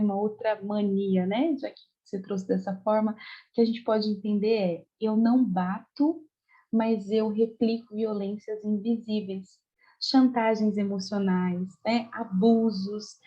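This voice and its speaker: A woman's voice: mid-range voice, mellow, dull audio. A woman guest on a podcast, explaining parenting ideas at length, often ending phrases with tag questions and acting out parents' scolding lines.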